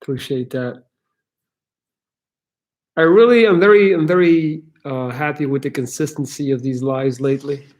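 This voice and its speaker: A Belgian man with an American accent hosts a casual live chat, answering viewers' questions frankly and ramblingly and restarting his sentences often. His voice is fairly high and darkish in tone. He speaks at a normal speed with long pauses.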